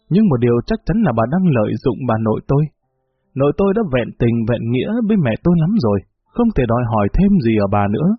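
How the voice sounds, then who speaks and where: A man narrating a family story in a steady, expressive reading. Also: medium pitch, husky, no echo. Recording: tinny phone-like, faint music.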